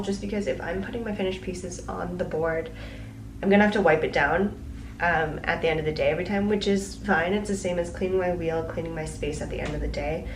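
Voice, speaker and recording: A woman's voice: on the low side, roomy sound, slight background noise, low-quality recording. A woman vlogging from her pottery studio, casually thinking aloud with lots of fillers. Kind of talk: casual vlog narration.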